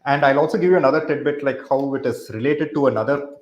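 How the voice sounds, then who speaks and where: A man's voice: medium pitch, quick pace, muffled recording. Rambling man hosting a live interview. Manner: rambling, filler-heavy. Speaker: podcast host.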